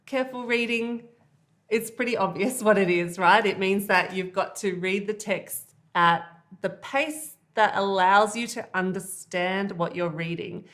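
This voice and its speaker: A woman at a middle pitch teaches an online exam-prep lesson. She explains reading techniques in a clear, patient, emphatic way, guiding the listener step by step. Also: a little slow, a bit bright. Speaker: IELTS teacher.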